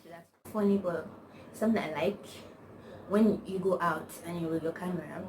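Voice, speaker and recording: This young woman's lowish, slightly mellow voice moves at a normal speed. She chats to camera as a vlogger in a Nigerian accent, rambling through stories in a slangy way and leaning on "like" constantly. Background noise is audible, and the mic is placed far away.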